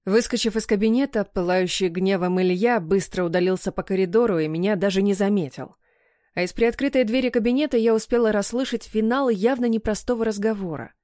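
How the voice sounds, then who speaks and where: Female audiobook narrator; measured, mid-pitched, dry close-mic sound. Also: mellow, dry recording. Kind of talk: scripted narration.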